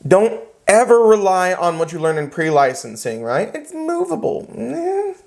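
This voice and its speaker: A man with a drawl teaches a classroom of real estate students. He lectures in an animated, joking way and slips into little acted-out scenes. He talks to the room as he goes. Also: high voice, unhurried, creaky. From United States. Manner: animated, joking, acts out characters.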